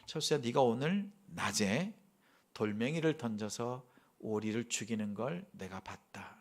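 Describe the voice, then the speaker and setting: A man voicing a stern middle-aged woman housekeeper who speaks slowly and quietly, as if she knows a secret. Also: expressive. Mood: hushed. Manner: slow, low and knowing, dropping to a whisper.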